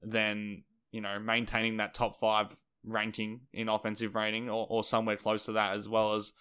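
A man hosting a sports podcast, giving solo basketball analysis in a conversational, thinking-aloud way with a slightly croaky voice. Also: lowish voice, completely flat delivery, moderate pace, sharp tone.

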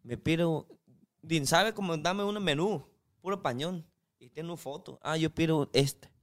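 Chinese-born male guest, young, broken slangy delivery, a bit high-pitched. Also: measured pace, a bit bright. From China. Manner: broken, street-slang Spanish with restarts. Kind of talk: casual interview chat.

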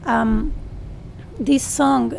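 A woman's voice: a little high, fairly even intonation, very slow, creaky, darkish tone, slight background noise, low-quality recording. A woman with an Argentine Spanish accent speaks non-native English as an interview guest, hesitating as she searches for words. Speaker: radio interview guest, artist and educator. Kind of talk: interview conversation. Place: radio studio.

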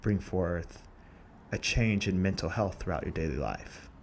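A young man with a lowish voice tells a personal story in an earnest, reflective way. He takes his time and pauses often as he thinks. A faint hiss of background noise sits under the recording. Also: lively intonation. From Portland, USA. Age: young adult. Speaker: singer telling his story.

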